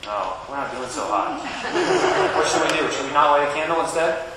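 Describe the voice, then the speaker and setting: A pastor leading a children's sermon, coaxing and playful with the kids in a church sanctuary. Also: male voice, mid-range voice, lively intonation, a little fast, far from the mic. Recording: very echoey church with background noise.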